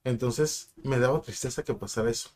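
A man's voice: mid-range voice, fairly quick, darkish tone. A young man, a sign language interpreter speaking as a guest on a casual podcast, telling stories reflectively with many asides. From Mexico. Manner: reflective storyteller, drops in asides and fillers.

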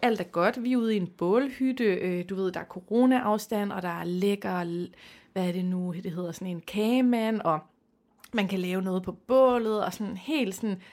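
Woman podcast cohost, chatty, does voices when telling stories. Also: mid-range voice. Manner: lively storytelling with acted-out quotes. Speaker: podcast co-host. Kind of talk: casual chat.

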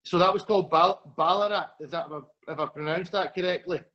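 High-voiced man with broad Glaswegian Scottish accent. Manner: halting, deliberately slowed speech. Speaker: podcast host. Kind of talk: conversational interview. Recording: dull lo-fi audio.

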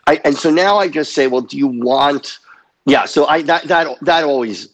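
A man in his fifties, a comedy writer appearing as a guest, chats casually on a podcast in a voice on the high side. He halts and restarts often, with a dry, self-deprecating humor.

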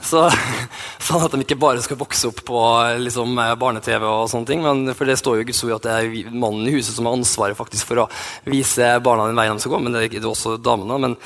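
A man's voice: mid-range voice, fairly even intonation, a bit bright. A man in his thirties, a youth pastor, telling a personal story in a sermon with many restarts and fillers. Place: church hall.

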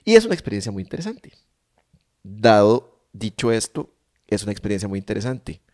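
A man's voice: lowish voice, very animated, fairly quick, a little mellow. A man with a Costa Rican accent hosting a casual podcast chat, telling stories in a playful way. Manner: playful storyteller, laughs often. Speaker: podcast host.

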